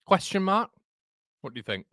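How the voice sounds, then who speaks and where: A man with a Yorkshire accent commentates a live football watchalong in a high, very animated, sharp voice at a moderate pace. He calls the play, reads the live chat, chats with viewers between moves and laughs at his own jokes, all in clean studio sound with no room noise.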